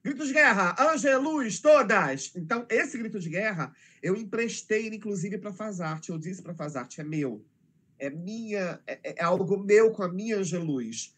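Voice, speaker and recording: A man's voice: high-pitched, animated, moderate pace, fairly bright tone, husky. A middle-aged Brazilian man telling emotional stories about teaching children in a casual conversation, acting out their voices. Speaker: teacher, interview guest.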